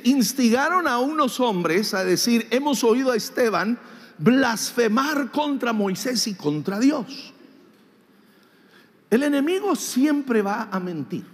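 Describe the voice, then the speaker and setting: High-voiced preacher in echoing hall. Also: male voice. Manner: animated, mimics whiny voices, shouts for emphasis. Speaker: pastor. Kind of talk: sermon. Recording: long hall reverb.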